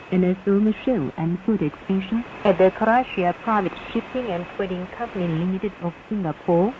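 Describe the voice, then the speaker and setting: North newsreader lady, lowish voice, solemn formal script, tinny staticky radio. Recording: tinny, noisy shortwave radio recording.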